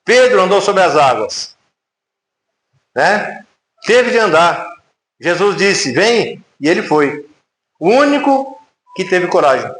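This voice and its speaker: Brazilian pastor guy preaching, fairly high voice, big echoey church. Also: very animated, slow, pauses often, a bit bright. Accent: Brazilian Portuguese. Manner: conversational, emphatic preaching with rhetorical questions. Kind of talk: sermon. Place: church sanctuary.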